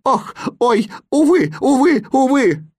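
A man voicing an excitable, fretful exclamation mark that moans and exclaims in a high, strained voice. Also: takes it slowly, husky, full character voice. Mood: wailing.

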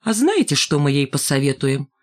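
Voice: mid-range voice, very animated, moderate pace, close to an everyday voice. An audiobook reader voicing a cold, commanding schoolgirl ringleader who speaks firmly and with contempt. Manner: firm and scornful. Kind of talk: audiobook character voice.

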